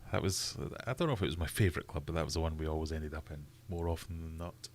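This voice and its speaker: A Scottish man hosts a casual livestream, chatting, reading viewer comments aloud and laughing often. His rumbling low voice is steady and fast, with a little hiss or hum in the background.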